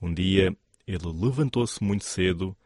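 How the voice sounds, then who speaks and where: A man narrating an old fable in a slow, deliberate reading voice. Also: low-pitched, darkish tone, no room sound, studio quality. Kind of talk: storytelling narration.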